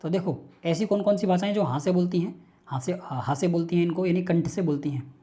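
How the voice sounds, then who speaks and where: Teacher, online lecture, warm low-toned voice, rhythmic repetition, patient coaxing delivery. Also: a little fast. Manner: drills lists by rhythmic repetition; patient, coaxing student address.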